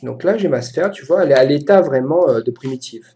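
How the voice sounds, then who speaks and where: A man with a French accent giving a casual, chatty software tutorial to a friend, hesitant and full of fillers. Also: a little high, animated, a little fast.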